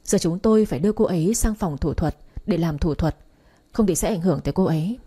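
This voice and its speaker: A woman voicing a young doctor giving bad news in a measured, plain way. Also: on the low side, warm tone, husky. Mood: calm. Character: young doctor, calm and matter-of-fact.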